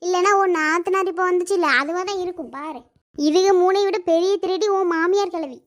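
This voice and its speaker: A woman's voice: extremely high pitch, a little fast. A woman voicing a scheming, gossiping village woman in a cartoon drama, talking in a sly, conspiratorial way. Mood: plotting. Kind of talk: cartoon family drama dubbing.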